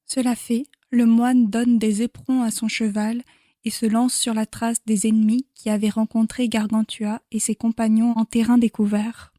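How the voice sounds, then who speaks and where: A woman reading a classic novel chapter as an audiobook narrator in a measured, clear way. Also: fairly high pitch, level tone, dark tone, no echo, clean studio sound.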